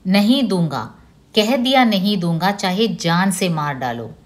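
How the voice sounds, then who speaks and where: A woman's voice: lowish voice, expressive, a little slow. A woman reading as a stubborn, defiant boy. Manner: insistent, pressing each word. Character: stubborn, hurt boy who defies his family.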